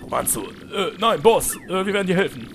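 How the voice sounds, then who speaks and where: Ein Mann liest einen stotternden Gangster-Handlanger. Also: male voice, high-pitched, lively intonation, fairly quick, fairly bright tone, slight background noise. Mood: eager.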